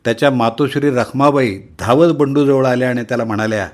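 A middle-aged man reading a humorous short story aloud, lively and shifting his voice to act out the characters. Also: mid-range voice, a little fast. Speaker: story reader.

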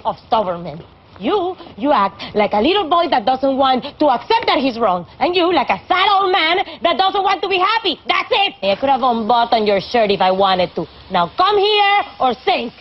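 A fiery, outspoken wife and mother with a high voice. She scolds and protests with great drama and emphasis. The sitcom audio sounds dull and lo-fi. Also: sing-song, normal speed. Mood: scolding. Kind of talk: sitcom acting.

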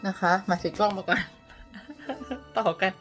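A woman's voice: medium pitch, measured pace, a bit bright, faint music behind. A woman from Thailand with a Thai accent, chatting casually as a mother and vlogger, laughing often and dropping in English phrases. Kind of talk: casual vlog chat.

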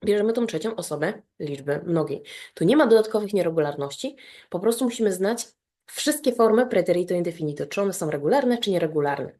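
A woman teaching an online grammar lesson, explaining step by step and often checking that the listener follows. She spells out verb endings slowly and rhythmically. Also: on the low side, expressive, warm tone. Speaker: Spanish teacher.

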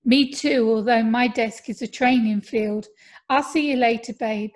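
A woman voicing a young male footballer in an audiobook, earnest and reassuring, a little louder than her narration. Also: fairly high pitch, fairly even intonation, unhurried.

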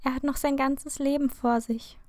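A woman's voice: fairly even intonation, moderate pace, no echo, lightly acted. Woman doing a desperate pleading young mother. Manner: pleading, soft and high.

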